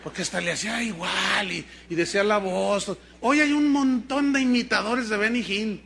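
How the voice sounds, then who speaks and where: A man's voice: sits high, moderate pace, vocal fry, slight background noise. A middle-aged man with a Mexican Spanish accent, a pastor preaching a sermon and acting out the voices in his own stories. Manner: lively storytelling preacher, acting out dialogue.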